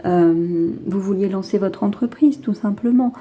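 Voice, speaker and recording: A woman with a lingering head cold hosts a tarot reading, chatting casually to viewers and rambling hesitantly as she thinks aloud. Her medium-pitched voice is unhurried and mellow, with a breathy edge.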